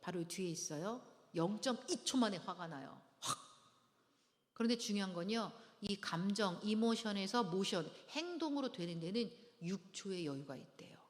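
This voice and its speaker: A middle-aged woman teaches engaged couples at church, her delivery lively and theatrical as she acts out small scenes. Her voice sits in a middle register. Everything rings with the long reverb of a large hall. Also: medium pitch, normal speed. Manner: lively, dramatic, acts out little scenes, leads call-and-response. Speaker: marriage preparation lecturer.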